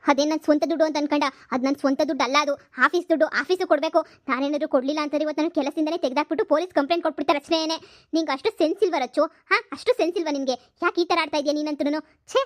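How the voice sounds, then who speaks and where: A woman voicing a stern, hard-up young husband who works as a delivery man, scolding fast in a cartoon comedy. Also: high voice, no room sound, clean studio sound, close to an everyday voice. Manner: scolding, lecturing, fast and insistent.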